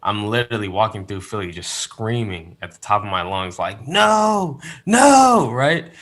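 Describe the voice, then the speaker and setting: Lower-voiced bright guest storyteller. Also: male voice, steady tone, a little fast. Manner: rambling storyteller with many fillers, rueful. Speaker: podcast guest. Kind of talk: casual chat.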